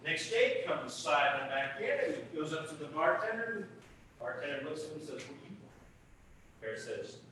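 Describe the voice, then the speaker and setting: A man acting in a live stage comedy, trading bar jokes in an animated way, captured by a distant mic in an echoey theater. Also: fairly high pitch, normal speed, slight background noise. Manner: animated joke-telling, trading one-liners. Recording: echoey stage recorded from far off.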